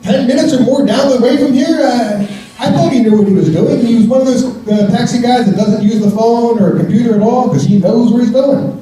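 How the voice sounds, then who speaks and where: With an extremely high yet mellow voice, an American man delivers a stand-up set a little fast, talking wryly and conversationally while chuckling at his jokes. The live-audience performance is recorded from a distance in a roomy theater.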